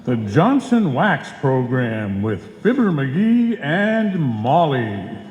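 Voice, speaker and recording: A man's voice: fairly high pitch, very animated, slow pace, noisy background. A man playing a genial 1940s radio announcer, delivering a scripted show introduction in a presentational style. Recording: muffled live stage recording, echoey hall.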